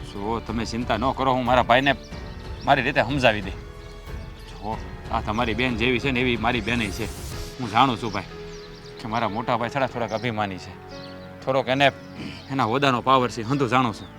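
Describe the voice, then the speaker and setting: An actor playing the headman's conciliatory younger brother, who speaks calmly and earnestly. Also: mid-range voice, a little fast, music in the background, natural voice. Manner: calm, soothing, earnest. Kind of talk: village family stage drama.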